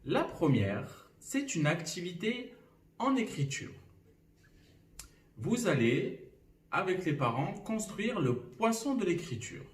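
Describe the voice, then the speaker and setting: A male teacher giving a lesson from home to young children, speaking slowly and clearly and sounding out syllables. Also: sits high, very animated, slight background noise. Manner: slow and clearly articulated, clapping out syllables. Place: a room at home. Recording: roomy echo, somewhat far from the mic.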